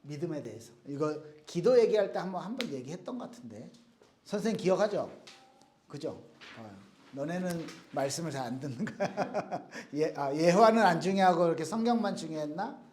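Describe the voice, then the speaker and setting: A man's voice: fairly high pitch, lively intonation, a little fast, a little mellow, reverberant. A man giving a casual youth sermon, telling stories in plain speech and acting out the quotes himself. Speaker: youth pastor. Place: church youth service room.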